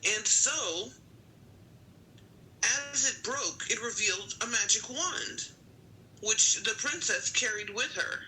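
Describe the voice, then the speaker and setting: A woman taking turns telling a story in a card game, easily excited and exclaiming with delight. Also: medium pitch, slow pace, pauses often, slight background noise, rough recording. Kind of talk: casual storytelling game play.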